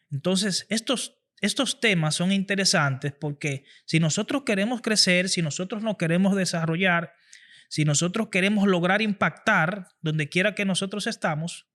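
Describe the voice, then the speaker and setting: High-voiced man giving a motivational talk. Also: fairly bright tone. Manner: earnest, teaching, repeats phrases for emphasis. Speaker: podcast host. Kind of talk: motivational talk on public speaking.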